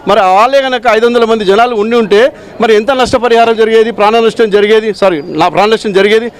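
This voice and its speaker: A man's voice: high voice, fairly even intonation, fast. A local man speaking in a street interview, angry and pleading. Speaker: local resident.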